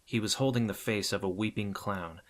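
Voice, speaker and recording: A man narrating an adventure audiobook in a measured way, softening at the ends of phrases. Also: on the low side.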